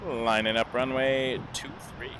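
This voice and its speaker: A man's voice: mid-range voice, little pitch movement, a little slow. A man hosting a live plane-spotting stream with casual running commentary. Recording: heavy outdoor or airfield background noise.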